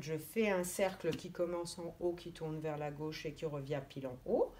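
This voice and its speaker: A woman preschool teacher teaching young children, speaking slowly and clearly as she sounds out letters and gives gentle instructions. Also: lowish voice, slight background noise.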